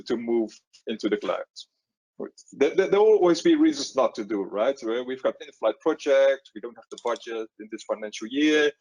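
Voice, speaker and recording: A man's voice: mid-range voice, darkish tone, rough recording. A middle-aged man with a Dutch accent talking on a webinar panel, often repeating words and chuckling at himself. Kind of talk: conversational webinar panel talk.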